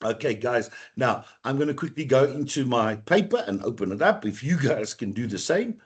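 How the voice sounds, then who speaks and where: Husky man teaching online. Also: mid-range voice, expressive, normal speed. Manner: chatty, keeps saying "guys". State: coughing, rough throat. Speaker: computer applications teacher. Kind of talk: online exam-prep class. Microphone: computer mic on a video call.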